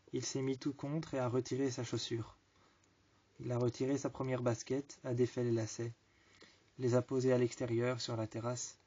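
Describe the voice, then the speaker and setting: Husky, flat-voiced storyteller. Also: male voice, medium pitch. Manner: slow, repetitive phrasing, restating each line. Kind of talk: first-person spoken story. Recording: dull lo-fi recording.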